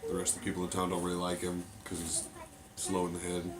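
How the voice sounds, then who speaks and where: Speaking quickly and with no inflection at all, this deep-voiced mask collector reviews a new piece while congested from a cold, his words muffled by the mask he wears. He rambles casually with plenty of fillers. A loud crowd and loud movie music fill the background.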